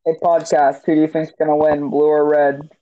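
A teenage boy hosting a gaming podcast, chatting casually and teasing his friend in a deadpan way. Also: fairly high pitch, a little fast. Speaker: podcast host. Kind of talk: casual chat while gaming. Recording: tinny phone-like line, faint hiss.

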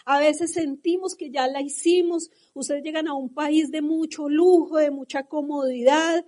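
A woman's voice: high voice, steady tone, measured pace, warm tone. A middle-aged Colombian woman with a Colombian accent, passionately telling her story in a motivational talk to a live audience. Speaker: motivational speaker.

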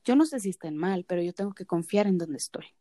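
A woman's voice: lowish voice, animated, quick pace, warm tone, dry recording, studio quality. A woman in her thirties co-hosting a podcast, telling her story in casual chat and acting out the quoted dialogue with animation. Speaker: podcast co-host.

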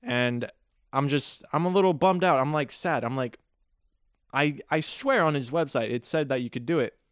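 Male podcast host, smooth clear voice, dry close sound, jokey rambling delivery with self-corrections. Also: fairly high pitch, moderate pace, dry recording. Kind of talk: casual solo podcast storytelling.

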